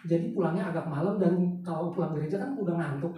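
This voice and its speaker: A pastor telling a personal story in a sermon, chatting with the congregation and often asking them questions. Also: male voice, fairly high pitch, fast talker, mellow. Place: large church hall. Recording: very echoey hall, voice picked up from far off, faint noise.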